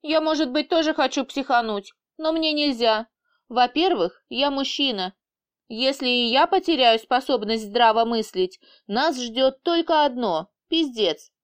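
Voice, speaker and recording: A woman's voice: high-pitched, lively intonation, unhurried, smooth, pitched above the performer's own voice. A woman voicing a smug, unflappable boss man. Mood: reasoning. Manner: teasing, unflappable. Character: calm, mocking male boss in a woman's body.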